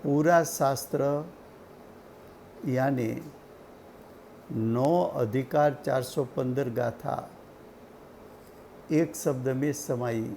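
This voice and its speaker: A man giving a slow, deliberate religious study lecture, repeating key points for his listeners. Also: medium pitch, mellow, slight background noise. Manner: slow, deliberate teaching with repetition. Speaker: scripture teacher.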